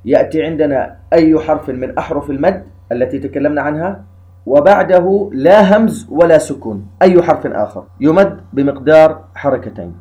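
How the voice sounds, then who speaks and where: A man teaching a tajweed lesson, calmly explaining rules and slowly drawing out recited examples. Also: on the high side. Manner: calm explanatory, slow drawn-out recitation of examples.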